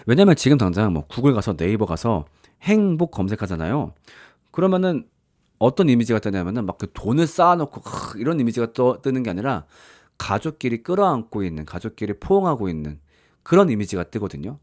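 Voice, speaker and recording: A man's voice: medium pitch, sing-song, brisk, a little mellow, no echo, studio quality. A man preaching a sermon in a conversational storytelling way, acting out the voices in the stories he tells. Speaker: pastor.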